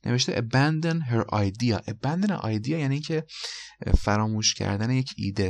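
A man teaching English vocabulary, explaining each word patiently and repeating words slowly for pronunciation. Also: lowish voice, vocal fry. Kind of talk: vocabulary lesson.

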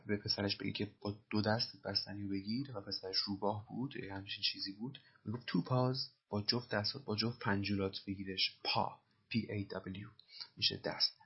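A man's voice: fairly low pitch, gravelly, husky. A man teaching English by explaining film lines, patiently repeating phrases and spelling words out letter by letter. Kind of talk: explaining film dialogue in a language lesson. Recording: dull lo-fi recording.

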